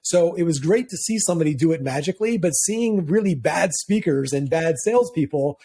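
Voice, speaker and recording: A man's voice: a little high, lively intonation, brisk, warm tone, husky. A man speaking as a sales coach in an interview, telling stories animatedly and acting out the lines he quotes. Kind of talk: conversational interview answer.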